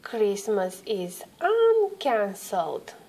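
A woman voicing a jolly, excitable old Santa Claus from a storybook, exclaiming and repeating phrases dramatically. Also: medium pitch, drawn-out words, breathy edge, exaggerated voice, poor audio. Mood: delighted.

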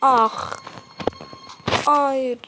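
A woman with a fairly high voice talks slowly and casually over a game, breaking into dramatic cries and wails as her character keeps falling. The recording carries a clear layer of background noise. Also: fairly even intonation. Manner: dramatic yelps and wails at each fall, slow chatty talk. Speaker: gaming video host. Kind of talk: casual gameplay commentary.

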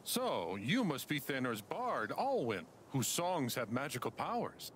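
A man voicing an older townsman playing a grave, booming warrior king in a video game, theatrical and regal. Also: huge pitch swings, a little slow, a bit bright, a little hiss or hum. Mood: solemn, commanding. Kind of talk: theatrical role-play acting in a video game.

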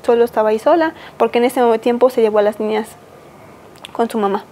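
A Mexican woman in her thirties, a podcast guest giving a personal testimony, talking haltingly with many fillers and restarts. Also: on the high side, warm tone, slight background noise, poor audio. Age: 30s.

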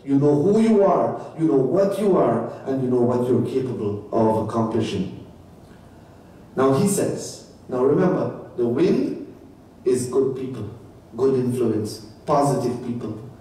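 A man preaching a sermon to devotees, swinging his pitch high and low for emphasis. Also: animated, a little slow, warm tone, very echoey, far from the mic, slight background noise, poor audio. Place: temple hall.

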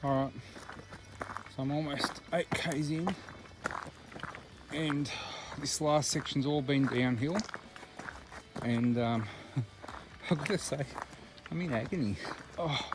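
Slow and marked by long pauses, the voice of this Australian vlogger in his thirties sits on the high side, with music in the background. Hiking a bush trail at night, he speaks casually to a camera held close at arm's length, out of breath between phrases.

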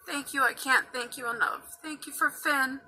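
An emotional woman gushing through a casual unboxing vlog, often dropping to a hushed whisper. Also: high-pitched, steady tone, normal speed, slight background noise, rough recording. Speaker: reborn doll collector.

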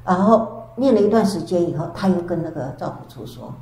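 An older woman, a Buddhist nun, giving a storytelling dharma lecture with drawn-out sentence particles. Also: fairly low pitch, expressive, dark tone. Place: temple lecture hall. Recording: echoey hall with faint background hiss.

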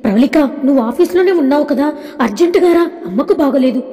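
A woman's voice: high voice, animated, fairly quick, mellow, big-room sound. A woman narrator reading the lines of a panicked young married woman, speaking in an urgent, frantic way.

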